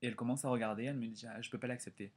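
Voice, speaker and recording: A young man in his twenties from France telling a story in a casual vlog, animated and chatty with lots of quoted dialogue. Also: mid-range voice, racing. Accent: French. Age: 20s. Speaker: vlogger.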